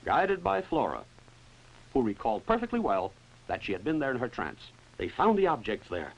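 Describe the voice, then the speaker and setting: An actor playing a grave eyewitness in a dubbed old horror film, telling the tale in a solemn, measured, declamatory style. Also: male voice, medium pitch, huge pitch swings, gravelly, full character voice, low-quality recording. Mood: grave, earnest. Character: grave male eyewitness recounting an ancient curse. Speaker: film narrator.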